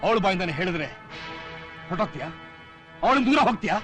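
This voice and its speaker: An actor playing a stern elder brother and head of the family, commanding and lecturing in a film drama. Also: male voice, high-pitched, lively intonation, fast, a bit bright, soft background music.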